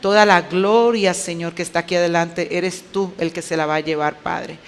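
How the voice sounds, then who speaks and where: In a lowish voice with fairly even intonation and normal speed, a woman preaches at a women's conference over slight background noise. Her Colombian Spanish accent comes through as she speaks conversationally, clipped and emphatic, asking her listeners rhetorical questions.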